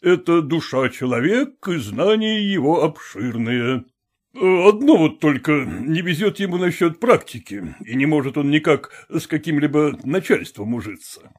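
A man reading a friendly character who confides advice to a friend. His voice is fairly high for a man and very lively in pitch. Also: measured pace. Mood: advising. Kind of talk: story reading.

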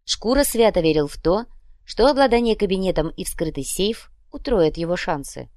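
A woman reading a story aloud in an even, steady narrating voice. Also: lowish voice, moderate pace, no echo, clean studio sound. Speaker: audiobook narrator. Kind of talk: scripted narration.

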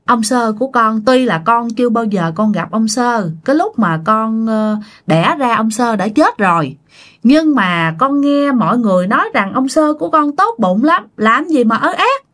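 A woman's voice: a little high, lively intonation, normal speed, fairly bright tone. A woman voicing an earnest young village boy who pleads and protests. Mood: pleading. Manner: pleading and alarmed.

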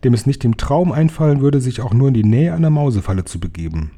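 A man voicing a clever young boy who has been turned into a mouse, talking eagerly in quick questions. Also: mid-range voice, animated, mellow. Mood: worried.

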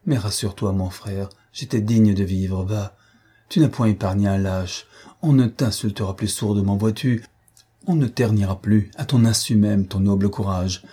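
A man voicing an earnest young colonel who pleads urgently and proudly, with a husky, dark voice. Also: fairly low pitch, moderate pace. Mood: imploring.

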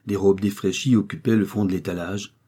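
A man narrating a classic novel as an audiobook in a measured, expressive reading. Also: low voice.

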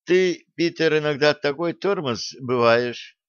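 A man voicing a cheeky, sharp-tongued teenage girl who snaps back indignantly, in a dull lo-fi audiobook recording. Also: on the high side, unhurried, clear, resonant tone, dry recording, pitched above the performer's own voice, natural voice. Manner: indignant, snappy.

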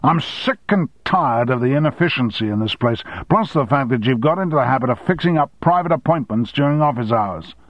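A man plays a blustering, domineering boss with a short temper who shouts threats, and he sounds angry. His mid-range voice is expressive and pushed up at a moderate pace. The recording is dry and slightly dull, with no room sound.

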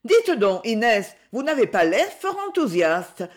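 A woman's voice: very animated, a little slow. A woman doing a sneering spiteful young woman. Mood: teasing. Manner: sneering, shrill, scornful.

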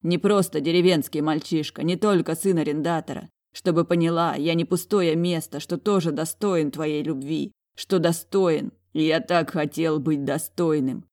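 A woman's voice: deep voice, steady tone, normal speed, hardly any pauses, a little mellow. A woman voicing a proud young man who pleads earnestly for forgiveness, in storybook narration. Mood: pleading.

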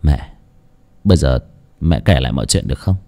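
A man voicing a dazed, weak young man who talks quietly and stammers in confusion. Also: extremely low pitch, lively intonation, a little fast, gravelly, pitched below the performer's own voice, exaggerated voice. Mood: confused.

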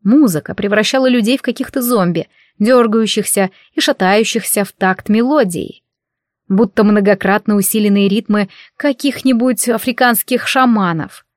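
A woman's voice: mid-range voice, normal speed, no echo. Woman reading a novel aloud, dry sound. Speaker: audiobook narrator. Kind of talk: first-person novel narration.

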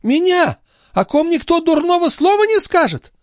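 A man doing a shrill old concierge woman. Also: very animated, moderate pace, no echo, studio quality. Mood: shrill indignant. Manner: whiny, indignant, sugary.

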